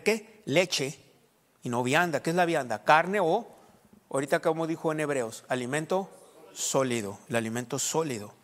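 A man's voice: medium pitch, long reverb tail. A man preaching a sermon as a pastor, asking rhetorical questions and answering them himself.

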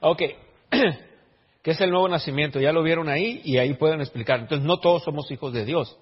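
A man preaching a sermon as pastor, stammering through restarts and then rising to emphatic, drawn-out lines. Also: on the high side, slightly rough. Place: church. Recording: dull lo-fi sound with long hall reverb.

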